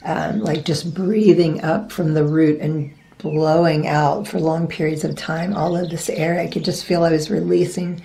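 A reiki practitioner in her forties talks to her webcam indoors in front of a virtual blossom backdrop, sharing her own experiences in a casual spiritual vlog. Her low, dark voice is a little raspy and gravelly with some vocal fry, steady and a bit slow. She rambles and keeps pausing with many ums to find words, and the recording is low quality.

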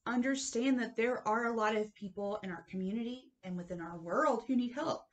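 A woman's voice: on the high side, a little fast, lo-fi sound. A woman in her thirties co-leading a children's church lesson, affirming her partner and adding short comments, recorded on a webcam in a church library.

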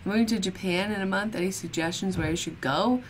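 A woman's voice: medium pitch, fairly quick, slight background noise. A woman streaming a game, reacting to play with profane, mock-outraged trash talk. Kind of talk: live gameplay commentary.

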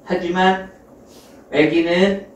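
A woman narrating a children's puppet show, talking slowly and asking the little audience questions. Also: on the low side, fairly even intonation, slight background noise. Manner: slow, sing-song, asking the children questions. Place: large hall at a daycare. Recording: echoey hall, from far off.

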